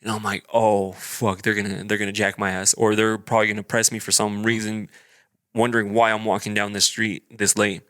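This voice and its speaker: A man's voice: lowish voice, little pitch movement, brisk, fairly bright tone, no echo, studio quality. A man, a podcast co-host, telling a story in casual chat and acting out quotes in a raised voice.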